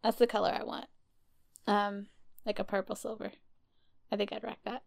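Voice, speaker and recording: A woman's voice: mid-range voice, flat delivery, normal speed, gravelly. A woman co-hosting a podcast, chatting casually in a rambling way. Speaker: podcast co-host. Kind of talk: casual chat.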